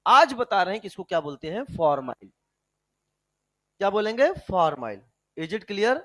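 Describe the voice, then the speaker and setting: Brief: male chemistry tutor, high bright voice, lively lecture style, quizzes and scolds students. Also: brisk. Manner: animated, fires rhetorical questions at students; calls students "beta", coaxing and scolding. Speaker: chemistry teacher. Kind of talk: energetic classroom lecture.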